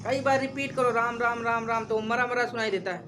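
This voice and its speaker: A woman's voice: fairly high pitch, fairly even intonation, a little fast, over music, poor audio. A woman teaching a grammar lesson for exam preparation, repeating examples and questioning her class.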